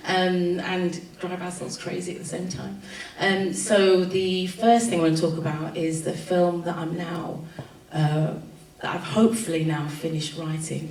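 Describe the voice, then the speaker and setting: A London writer with a London accent gives a reflective, informal talk on a festival panel, pausing on ums and restarting her sentences. Her voice is low and flat in pitch. A distant mic catches her in an echoey event room with a faint hum of ambience.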